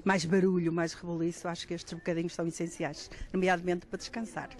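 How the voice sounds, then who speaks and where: A man's voice: high voice, little pitch movement, quick pace, a faint crowd. A man with a European Portuguese accent, a visitor giving a short interview outdoors at a village fair.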